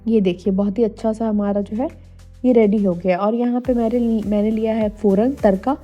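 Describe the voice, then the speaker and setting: A young woman from India, slightly hoarse from a cold, chatting to viewers in a casual cooking vlog voice-over. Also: fairly high pitch, fairly even intonation, moderate pace, lo-fi sound. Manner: chatty, addresses viewers directly. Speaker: homemaker vlogger. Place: voice-over, not recorded in the pictured kitchen. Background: faint music.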